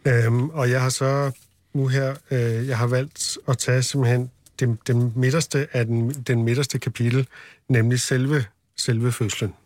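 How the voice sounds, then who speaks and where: A man's voice: medium pitch, level tone, a little mellow, no room sound. Guy on radio, lots of uhs, dry studio sound. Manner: hesitant, many fillers. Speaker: blogger guest. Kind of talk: radio interview.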